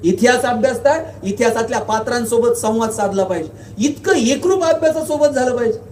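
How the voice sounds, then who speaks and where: A man with a high, mellow voice delivers a motivational speech, spinning humorous stories and pressing the crowd with rhetorical questions. He sounds set back from the mic in an echoing hall, with faint noise behind. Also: a little fast, distant mic. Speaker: guest speaker.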